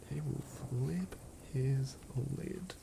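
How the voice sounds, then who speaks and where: Whispering in a musing, rambling ASMR style, a man from southern Australia builds a game character. His mid-range voice is creaky, and he draws out his words. Ambient noise fills the background.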